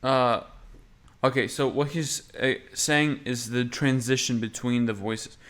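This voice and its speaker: A man's voice: mid-range voice, fairly even intonation, a little slow, fairly bright tone. Casual rambling male voice coach. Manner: casual, rambling, frequent fillers. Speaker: voice teacher reacting to a video. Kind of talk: casual commentary.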